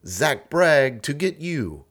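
A man's voice: a little high, sing-song, slow, a bit bright. A man hosting and announcing a scripted comedy show in a radio style.

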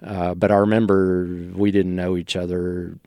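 A man chatting as a regular guest on a radio show, halting and low-key, with dry jokes. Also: little pitch movement, warm tone, clean tone, no echo. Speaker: regular guest film reviewer. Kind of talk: casual radio chat. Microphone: studio microphone.

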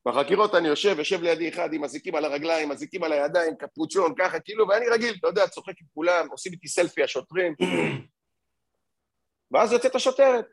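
Animated man telling a story. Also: a little high, creaky, no room sound. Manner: excitable, acts out the other voices in his story. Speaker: guest, martial arts fighter and instructor.

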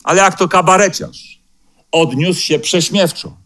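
A pastor with a fairly high man's voice delivers a sermon in a church. He speaks at a measured pace, slows down for scripture quotes, and pauses now and then on a filler sound. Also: steady tone, sharp tone. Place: church hall.

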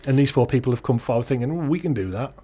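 A man's voice: mid-range voice, very fast, mellow, husky. Man, Teesside accent, podcast co-host, casual banter, blunt, jokey, mildly sweary. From Middlesbrough, northeast England.

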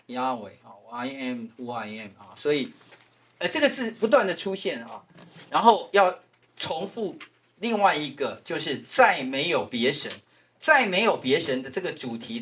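A man with a Taiwanese Mandarin accent, a pastor teaching a Bible class in a lively lecturing way, repeating phrases and tagging sentences with "ha". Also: medium pitch. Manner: animated, repeats phrases, frequent "ha" tag fillers.

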